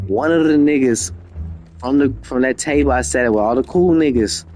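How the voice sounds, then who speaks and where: A man's voice: mid-range voice, normal speed, darkish tone, soft background music. A young man telling a story from his own life, with lots of slang and profanity, acting out the dialogue himself. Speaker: storyteller, channel host. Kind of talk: casual storytime monologue.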